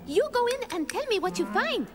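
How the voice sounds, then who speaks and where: A woman's voice: extremely high pitch, sing-song, a little fast. A woman voicing a plucky, confident female mouse adventurer in a cartoon. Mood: eager, confident. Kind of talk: cartoon voice acting. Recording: loud music behind.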